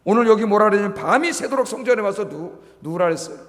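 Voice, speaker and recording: A man's voice: high-pitched, lively intonation, fast talker, fairly bright tone. A middle-aged male pastor preaching at a Friday prayer service, exhorting his congregation with rhetorical questions and prompting them for answers. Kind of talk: sermon. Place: church sanctuary. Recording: long hall reverb.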